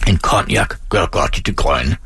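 A man voicing a hearty, blunt middle-aged man in an audiobook reading, close to his own low voice. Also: lively intonation, creaky, a bit bright, a little hiss or hum, heavily acted. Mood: jovial. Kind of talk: audiobook character voice.

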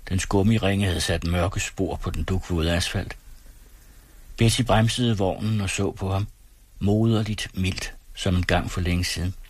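Dyb, hæs mandlig oplæser. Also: male voice, deep voice, fairly even intonation, breathy edge, dry recording. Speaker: audiobook narrator. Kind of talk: scripted narration.

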